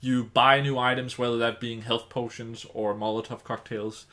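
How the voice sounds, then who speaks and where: A man's voice: mid-range voice, little pitch movement, bright, forceful tone. A man hosting a casual chat about a video game, explaining how it works at length. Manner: explains game tips at length, quick asides.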